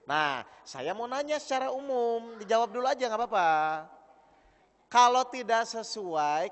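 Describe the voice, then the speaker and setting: High, lively male preacher in a hall. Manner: teasing, keeps questioning the audience. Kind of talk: interactive religious lecture. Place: gathering hall with an audience of women. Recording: long hall reverb.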